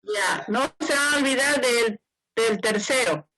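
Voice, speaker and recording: A woman's voice: fairly high pitch, measured pace, bright, forceful tone, poor audio. A woman teaching a class as an engineer. She explains informally, repeats her points and keeps checking in with her students. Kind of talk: classroom lecture.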